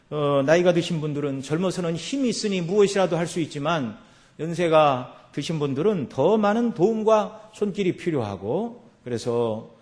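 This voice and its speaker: A man pastor gives a Sunday sermon with a slightly higher-than-usual voice. He talks to the congregation like a conversation, often dropping in quick affirmations as he moves between points. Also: darkish tone. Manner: conversational preaching with frequent filler affirmations. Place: church sanctuary.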